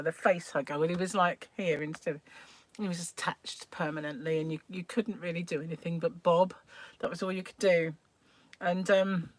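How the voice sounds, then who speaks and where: A woman's voice: on the low side, no echo. An older woman, hosting a live stream and telling family stories in a chatty way, laughing often between remarks. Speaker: livestream host. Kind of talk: casual anecdotal chat.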